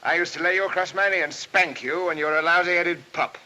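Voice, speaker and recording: An actor playing a stubborn, boisterous middle-aged painter in 1930s film style. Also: male voice, a little high, quick pace, bright, forceful tone, low-quality recording. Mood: defiant. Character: older painter, a miller's brother, boisterous and stubborn. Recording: 1930s film soundtrack, music behind.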